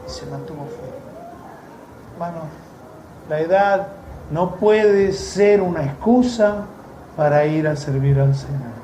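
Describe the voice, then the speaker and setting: Argentine male preacher, conversational with sarcastic asides, high voice in a roomy church. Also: expressive, slow pace, pauses often, dark tone. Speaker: missionary preacher. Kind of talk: sermon. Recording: echoey church room, faint noise.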